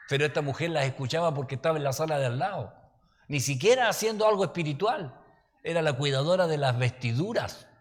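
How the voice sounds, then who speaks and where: Un pastor con acento chileno que da un estudio bíblico en tono de charla, con anécdotas y preguntas como "¿ya?" a los oyentes. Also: male voice, on the high side. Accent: Chilean Spanish. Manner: folksy, anecdotal, asks listeners "¿ya?". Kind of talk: conversational Bible-study sermon. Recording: reverberant hall.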